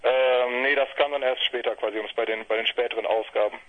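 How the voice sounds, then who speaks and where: Over a tinny, husky phone line, a man's medium-pitched voice keeps a steady tone and moves a little fast. He's in his thirties, a fanzine maker from northwestern Germany being interviewed, talking casually in a rambling, hesitant way full of fillers.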